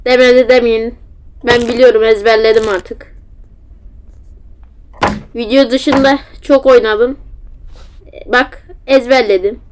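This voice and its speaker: Seated at home and talking into her facecam's built-in mic, a Turkish-accented woman narrates her horror gameplay with chatty, self-deprecating humor, getting flustered easily. Her pitch sits on the high side and her tone stays steady, though she speaks slowly with long pauses.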